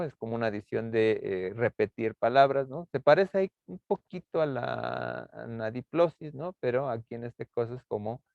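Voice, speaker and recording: A man lecturing a class on rhetorical figures, halting often with fillers and tag questions. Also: mid-range voice, gravelly, no room sound. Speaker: university lecturer. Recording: tinny phone-like online class audio.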